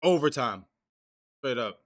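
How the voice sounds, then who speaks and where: A young man co-hosts a casual anime discussion stream, speaking unhurriedly in an expressive mid-range voice. He is profane and loose, reading chat messages aloud and restarting his sentences.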